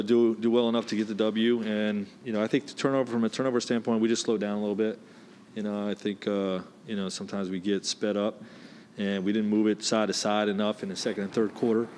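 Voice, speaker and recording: Low-voiced man coach at postgame presser. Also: a little mellow, a little hiss or hum. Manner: measured, many "you know" fillers. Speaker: head basketball coach. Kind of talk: postgame press conference answers. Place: indoor press room. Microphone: desk mic, close.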